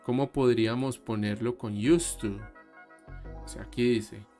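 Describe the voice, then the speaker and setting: A man teaching an online English class, explaining slowly and mixing Spanish with English. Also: medium pitch, steady tone. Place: online class over a video call. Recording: faint background music. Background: soft background music.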